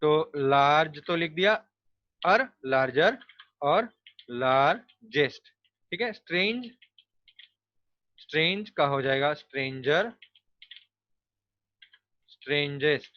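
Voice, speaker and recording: A man's voice: a little high, lively intonation, slow, long pauses, no echo. A man teaching a grammar lesson, explaining step by step and spelling words out letter by letter. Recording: dull, lo-fi dry recording.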